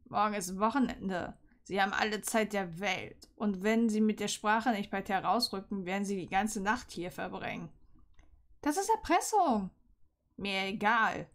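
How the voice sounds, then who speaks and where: A woman reading aloud and voicing a cold, mocking male teacher in a slow, lowered voice. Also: close to an everyday voice. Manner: slow, low, sneering.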